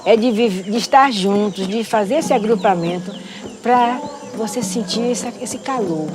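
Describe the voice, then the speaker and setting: A woman speaks reflectively in an interview and often pauses to search for her words. She talks very slowly. Music plays clearly underneath her voice. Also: medium pitch.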